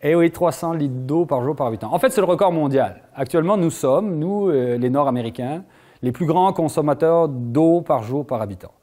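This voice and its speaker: A man from France with a French accent, giving a public lecture and quizzing his audience in a lively, joking way. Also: a little high, moderate pace. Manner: lively, jokey, asks the audience questions. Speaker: lecturer on groundwater.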